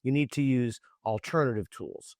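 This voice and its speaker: A man's voice: mid-range voice, normal speed, darkish tone, no room sound, clean studio sound. A man talking as a guest author in an interview, earnest and argumentative, often restarting his sentences. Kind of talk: interview conversation.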